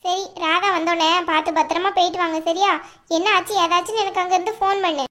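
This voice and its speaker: A bossy older aunt in a cartoon, voiced by a woman, scolding and fussing in a very high, piercing voice. She gives orders and nags without pause. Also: steady tone, fairly bright tone. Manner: scolding, nagging, commanding. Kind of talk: cartoon voice acting.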